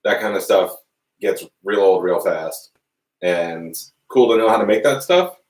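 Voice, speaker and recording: A man's voice: low voice, animated, a little slow, darkish tone, distant mic. A man guesting on a casual cooking stream, talking in a dry, joking way. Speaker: guest, former bartender. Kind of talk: casual live-stream chat. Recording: roomy echo, a bit away from the mic.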